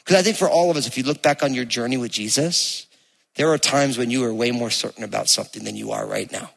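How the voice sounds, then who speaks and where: Speaking to his congregation in a church hall, a New Jersey-accented pastor delivers a sermon in a conversational, emphatic way, easing his pace when reading scripture and the place names in it. His mid-range voice is husky, a bit bright, with some vocal fry, and the hall's long reverb is audible.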